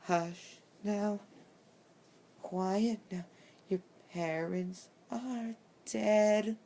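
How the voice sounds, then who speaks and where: A man voicing a sweet female pony turned sinister, singing a soft, slow lullaby. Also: high-pitched, level tone, slight background noise, pitched above the performer's own voice. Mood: eerie lullaby.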